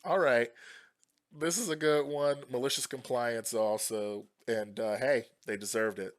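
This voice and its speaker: A man casually reading online posts aloud with expressive asides. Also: mid-range voice, unhurried. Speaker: Reddit story reader.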